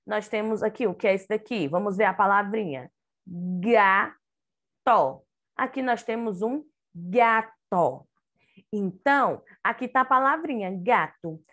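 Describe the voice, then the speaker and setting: A woman's voice: mid-range voice, animated, moderate pace, a bit bright. A woman teaching an online phonics lesson to young children, with a Brazilian Portuguese accent, sounding out words syllable by syllable. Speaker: kindergarten teacher.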